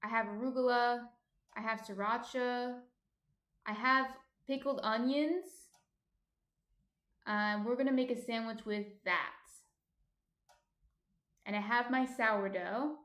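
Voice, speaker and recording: A woman with a slight New Jersey accent hosts a baking livestream, chatting, thinking aloud as she cooks, and reading viewer comments. Her voice is a little high and a bit bright, slow with long pauses, in an echoey room.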